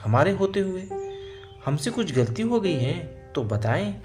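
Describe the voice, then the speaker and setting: A man doing a soft, polite young daughter-in-law. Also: sits high, very animated, a little slow, soft background music, voice pushed up. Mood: pleading gentle.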